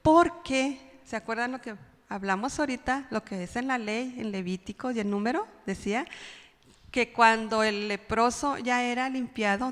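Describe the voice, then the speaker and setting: A woman preacher gives a sermon in a church, her voice fairly high and trailing into a long hall reverb. She crics out the pleas she quotes and keeps asking her listeners questions. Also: fairly bright tone. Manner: dramatic cries when quoting pleas, rhetorical questions. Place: church sanctuary.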